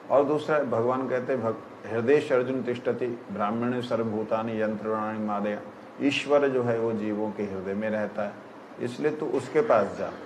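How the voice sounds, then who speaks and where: Slow, deliberate man teaching scripture. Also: mid-range voice, reverberant, a little hiss or hum, rough recording. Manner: slow, deliberate, often checks if listeners understood. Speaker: spiritual teacher. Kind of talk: scripture discourse.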